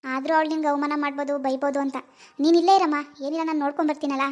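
A performer voicing a caring, cautious middle-aged mother-in-law in an animated family drama. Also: sits high, very fast, natural voice. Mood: concerned. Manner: firm but caring, worrying.

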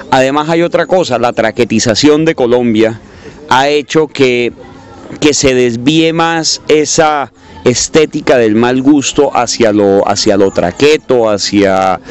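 A man giving reflective spoken commentary, measured and hesitant, often restarting his phrases. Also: medium pitch, darkish tone, clear, resonant tone. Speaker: interviewee. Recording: dull lo-fi recording.

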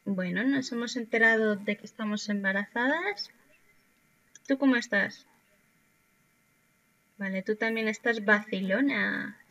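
Spanish woman playing a sims-style game, slow and bright, talks to her sims, kinda muffled. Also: mid-range voice. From Spain. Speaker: gaming YouTuber. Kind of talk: casual gameplay commentary. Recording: dull lo-fi sound.

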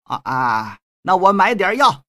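A man's voice: sits high, sing-song, unhurried, bright, forceful tone, full character voice. A man playing a blustering street thug. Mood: mocking. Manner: rough, mocking, blustering. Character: brash swaggering male street thug, a bully.

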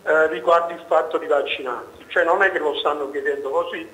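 A man phones in to a live talk show, and his voice comes through an echoey phone line. He sounds high and sharp-toned. He is halting yet insistent and talks over the host. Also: fairly even intonation. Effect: heard over the phone. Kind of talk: phoned-in question.

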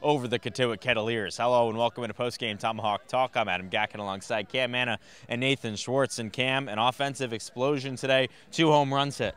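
A young man hosts a postgame baseball show in a bright, smooth, polished voice. He speaks outdoors on a field into a handheld mic, with a steady broadcast cadence. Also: medium pitch, brisk. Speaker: host and interviewer. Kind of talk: sports recap and interview.

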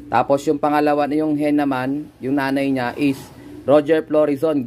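A man's voice: mid-range voice, darkish tone. Chatty man in a noisy pigeon loft. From Philippines. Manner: chatty, keeps addressing viewers as guys. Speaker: pigeon breeder and vlogger. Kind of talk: casual vlog showing birds and pedigrees. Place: pigeon loft with birds around. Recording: noisy loft with bird sounds. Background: pigeons cooing.

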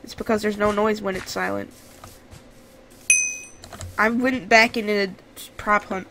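Male gamer rambling, excitable commentary, fry-heavy voice, noisy home mic with typing behind. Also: high voice, unhurried. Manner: rambling, excitable, talks to viewers. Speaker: gaming YouTuber. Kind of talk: casual gameplay commentary. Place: home room. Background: keyboard typing and clicks.

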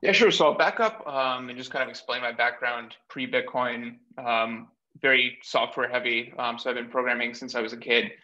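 A Bulgarian startup cofounder in his thirties, joining a remote interview by video call from a small room, explains his background with measured speech and many pauses. His medium-pitched voice is pushed and bright, captured by a webcam or laptop mic in dull, lo-fi audio.

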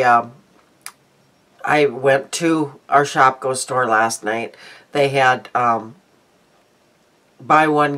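An older beauty vlogger from the US Midwest, whose voice is very deep yet fairly bright, chats casually to her desk webcam. She sits in a small, cluttered room at home, nose stuffed up. Her talk is rambling and self-interrupting, with sentences often begun again.

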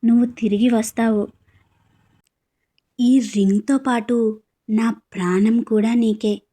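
A grieving young husband talks in a gentle, unhurried way in an audio story, as a woman storyteller gives him voice. The tone is soft and mellow, pitched fairly high. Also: steady tone. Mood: tender. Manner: slow and gentle.

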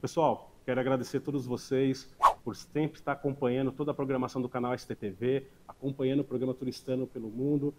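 A man's voice: mid-range voice, little pitch movement, fast, dark tone, slight background noise. A middle-aged man hosting an on-camera interview in a small restaurant bar, upbeat and chatty, with playful asides, on a lapel mic. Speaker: interviewer and show host.

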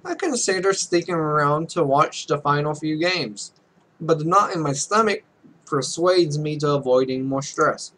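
The voice is on the high side, moderately paced and a bit bright, belonging to a twenty-something let's play host. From a small indoor room at home, he reads game text aloud and chats casually in rambling asides, with plenty of noise in the recording.

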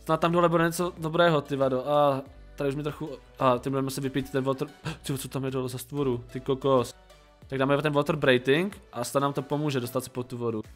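A young Czech man playing through Minecraft and role-playing, jumpy and quick to panic. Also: mid-range voice, little pitch movement, soft background music. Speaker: gaming YouTuber. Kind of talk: Minecraft role-play and let's play.

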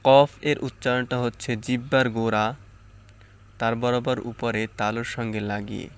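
A man teaching Quran letter pronunciation step by step, stretching out louder model sounds between calm explanations. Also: mid-range voice, normal speed, clear, resonant tone. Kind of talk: slow step-by-step pronunciation lesson.

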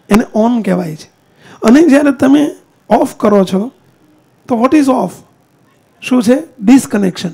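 A man delivers a sermon, pitched high with a gravelly edge to his voice. He speaks straight to his listeners, throwing them questions and challenges as he preaches. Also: darkish tone. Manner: addresses the congregation directly with questions and challenges. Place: temple hall.

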